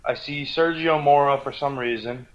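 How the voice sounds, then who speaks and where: A man's voice: medium pitch, fairly even intonation, moderate pace. A man co-commentating on a boxing show in loose, casual chat. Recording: slightly dull, lo-fi audio.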